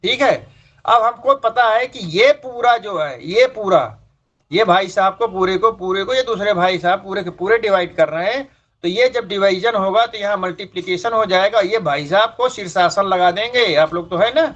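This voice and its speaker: High-voiced male math teacher, lo-fi. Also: normal speed, a bit bright. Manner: explains step by step, repeats points, mixes English terms. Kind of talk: classroom lecture at a board. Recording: dull lo-fi sound.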